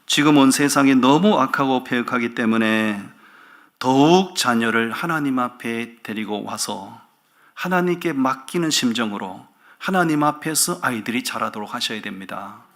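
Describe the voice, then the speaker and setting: A male pastor delivers a Sunday sermon with animated emphasis and frequent rhetorical questions. His voice is gravelly with a bright, forceful edge. He sits at an ordinary mid pitch for a man. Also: moderate pace.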